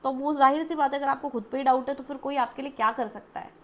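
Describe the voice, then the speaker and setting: In a quick, steady high voice, a woman from India reads tarot, letting listeners pick a card. She chats and coaxes along the way, playing out the doubts her listener might have.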